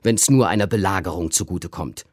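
Ein Mann spielt einen polternden, reizbaren alten Herrn. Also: male voice, sits low, brisk, darkish tone, dry recording, studio quality. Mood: blustering. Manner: gruff and blustering. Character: irritable, pompous older gentleman, the father.

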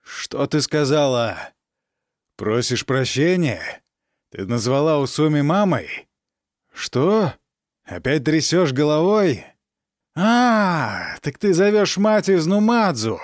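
A man's voice: mid-range voice, lively intonation, takes it slowly, no room sound, studio quality. A man playing a cruel aristocratic count who harshly berates his daughter in an audiobook reading. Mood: furious. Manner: harsh, shouting, menacing.

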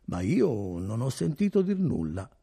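Cast: man doing guarded young villager, husky, dark, feigning indifference. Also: mid-range voice, big pitch swings, measured pace, voice pushed up, heavily acted. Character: wary young male mountain villager. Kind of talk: audiobook character reading.

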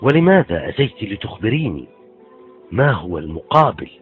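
A man's voice: fairly low pitch, big pitch swings, normal speed. A man reading a novel aloud, voicing an earnest young man who loyally defends his friend. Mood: alarmed. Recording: tinny phone-like sound, faint music.

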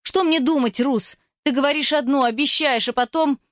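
A woman's voice: fairly high pitch, normal speed, fairly bright tone, dry recording, clean studio sound, lightly acted. A woman reading a novel aloud and voicing a distraught young bride in tearful, pleading outbursts. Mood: tearful anger. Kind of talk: audiobook character voice.

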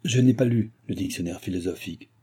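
A man's voice: on the low side, fairly quick, dark tone, husky. A man voicing a proud, jilted young woman who speaks indignantly and pleads in a read-aloud novel. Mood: wistful.

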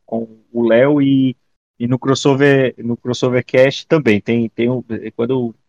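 A man's voice: medium pitch, flat delivery, unhurried, darkish tone, no room sound. Brazilian man hosting, dry and slightly muffled. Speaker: podcast host. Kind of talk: casual chat. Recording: dry but slightly dull audio.

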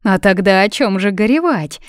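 A woman's voice: mid-range voice, animated, moderate pace, dry recording, clean studio sound, voice pushed up, lightly acted. Woman doing a kindly, soothing maid. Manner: gentle, reassuring.

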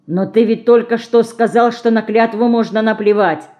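A woman's voice: on the high side, steady tone, moderate pace, warm tone, voice pushed up, close to an everyday voice. Woman reading as a young girl, earnest, stubborn, pleading, insistent, raised voice, audiobook.

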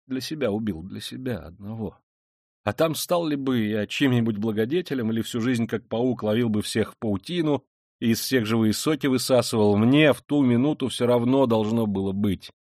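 A man's voice: medium pitch, moderate pace, darkish tone, no room sound, lightly acted. Man doing a tormented young man, feverish, brooding, intense outbursts, dry audiobook sound. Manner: intense, brooding, swings between outbursts and mutters. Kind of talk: dramatic audiobook reading.

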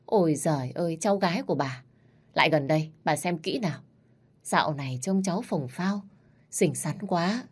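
A woman's voice: low-pitched, animated, normal speed, husky. Old grandmother, fussy, doting, nagging, teasing, voiced by a woman. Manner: scolding, teasing, affectionate.

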